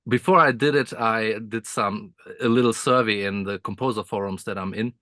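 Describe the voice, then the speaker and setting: A man's voice: fairly low pitch, normal speed, bright, forceful tone, no room sound. Chatty man on a video call from a motorhome. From Croatia. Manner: friendly, laughs often, many restarts and fillers. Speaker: guest composer. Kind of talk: casual interview chat. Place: inside a motorhome.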